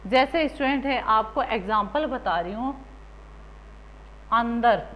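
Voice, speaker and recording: A woman's voice: fairly high pitch, expressive, moderate pace, muffled recording, a little hiss or hum. A woman teacher giving a grammar lesson, asking the class questions and then answering them herself.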